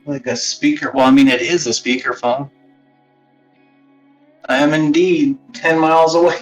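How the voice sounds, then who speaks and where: A fairly high-pitched man delivers flatly at a moderate pace while chatting casually on a live stream, full of rambling, swearing, self-mockery and frequent under-the-breath muttering. The rough recording is distant, captured by a phone used as a wireless webcam mic, with a boxy, inside-a-box speakerphone quality and faint music in the background.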